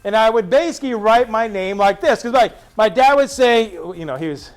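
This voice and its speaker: Lively high-voiced male teacher. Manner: animated storytelling, drawn-out asides. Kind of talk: first-day classroom talk to students.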